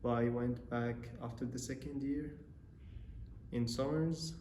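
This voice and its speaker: A young man from Syria, a student, answering interview questions in a relaxed, hesitant way with many pauses and fillers. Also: medium pitch, slight background noise. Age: young adult. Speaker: interview guest, university student. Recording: roomy echo, faint ambience.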